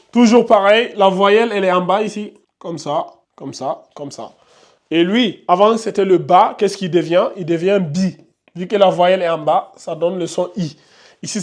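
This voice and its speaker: A man's voice: high-pitched, a little mellow. A man teaching beginners to read Quran letters, patient, with frequent fillers and repetition. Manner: patient, repeats himself, many filler "donc" and "euh". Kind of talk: casual beginner lesson at a whiteboard.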